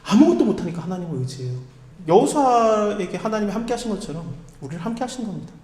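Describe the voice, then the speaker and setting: Animated male pastor in an echoey hall. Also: high voice, fast. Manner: conversational, asks the listeners rhetorical questions. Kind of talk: expository sermon. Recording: echoey hall with long reverb.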